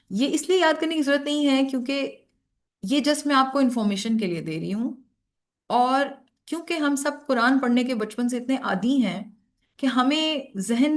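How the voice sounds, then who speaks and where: Woman teacher, patient explainer, fairly high voice, drops English words into her teaching. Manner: explains patiently, lists letters one by one. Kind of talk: recorded online grammar lesson.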